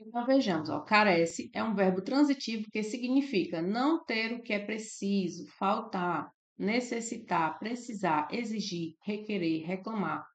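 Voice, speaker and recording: A woman with a Brazilian Portuguese accent talks through exam questions as a tutor. Her voice sits at a middle pitch, and her manner is casual and explanatory, with frequent checking tags. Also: animated, normal speed, hardly any pauses. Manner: explanatory, adds "né?" and "ó" often. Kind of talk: casual screen-share lesson.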